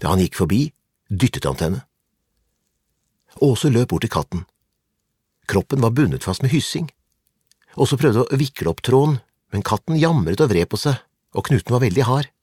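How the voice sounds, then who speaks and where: A man reading a children's storybook aloud in a calm, measured way. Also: medium pitch, husky, no echo, clean studio sound. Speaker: narrator.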